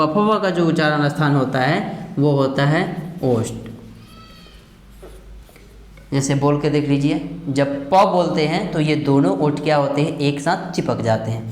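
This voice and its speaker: A male teacher with a Bihar Hindi accent talks through a grammar lesson at a slow pace. He repeats key points, asks questions and answers them himself. His fairly high voice rings in a room with a long reverb.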